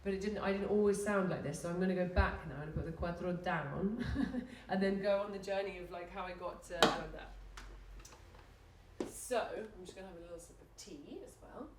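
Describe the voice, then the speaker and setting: A woman from London, a singer-songwriter, chatting to a live audience between songs in a relaxed way, with plenty of ums and likes, while nursing a sore throat. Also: fairly low pitch, brisk, background noise. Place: small live music venue. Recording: roomy live room, voice from a distance, instrument behind.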